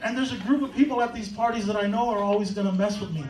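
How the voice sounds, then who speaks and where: A man doing a stand-up comedy set, telling a rambling story full of "like" and shouting his punchlines. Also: high voice, quick pace, a little hiss or hum. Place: comedy club stage. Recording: echoey club, far mic, audience laughter.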